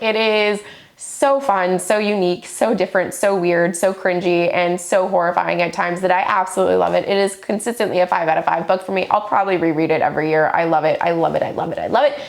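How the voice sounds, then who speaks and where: Enthusiastic woman with a gravelly low voice. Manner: enthusiastic, gushing. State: recovering from flu. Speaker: book vlogger. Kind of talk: casual book review chat.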